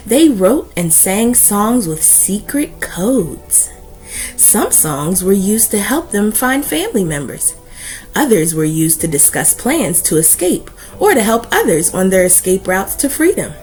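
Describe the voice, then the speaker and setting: A read-aloud host's deliberate, emphatic phrasing shapes this woman's reading of a children's storybook. Her mid-range voice is lively and swooping, and soft music drifts faintly behind her. The recording quality is rough.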